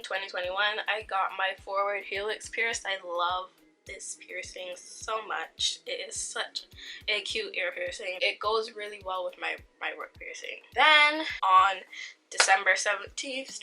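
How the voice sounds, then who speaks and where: A woman's voice: medium pitch, bright, forceful tone, low-quality recording. A young woman chatting casually to her viewers in a vlog, laughing often between stories. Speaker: vlogger. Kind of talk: casual chat.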